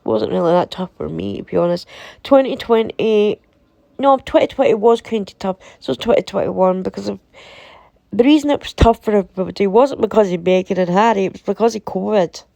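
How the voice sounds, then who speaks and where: Woman from the UK, sore throat, creaky voice in a dry recording; opinionated, emphatic casual commentary. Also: mid-range voice, mellow, dry recording. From United Kingdom. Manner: deliberate, emphatic, repeating phrases for effect. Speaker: commentator reading and reacting to a website.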